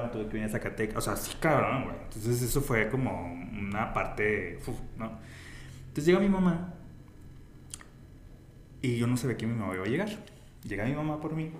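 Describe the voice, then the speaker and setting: A man's voice: medium pitch, slight background noise. A man with a Mexican accent, telling personal stories as an interview guest in casual, slang-filled chat. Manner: slangy storyteller, peppers speech with güey. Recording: roomy echo, faint ambience.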